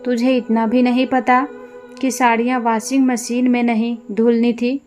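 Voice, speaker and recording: A woman's voice: on the high side, little pitch movement, normal speed, darkish tone, close to an everyday voice. A woman voicing a harsh, scornful young wife who bullies her in-laws, with faint music behind. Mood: scolding. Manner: scolding, taunting.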